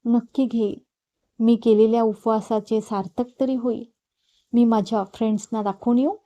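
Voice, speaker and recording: Woman reading young woman, cheerful, affectionate, slightly high voice, mellow tone. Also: flat delivery, moderate pace, dull audio, lightly acted.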